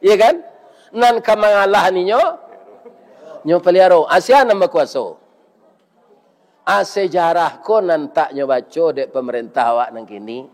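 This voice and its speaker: Older village preacher, Minangkabau accent, chatty and bantering, voice sits a little high. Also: male voice, lively intonation, a little slow, long pauses. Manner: folksy, bantering, keeps asking "iya kan?". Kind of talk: village sermon with crowd questions.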